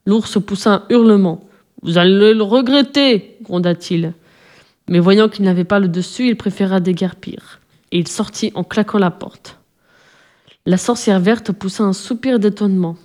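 A woman reading a children's storybook aloud as narrator, calmly and evenly. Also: mid-range voice, normal speed.

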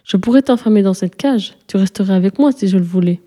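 A woman's voice: mid-range voice, quick pace, close to an everyday voice. A lonely forest witch, as a woman narrator puts her on. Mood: cold. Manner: soft, pleading. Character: lonely old female forest witch, longing.

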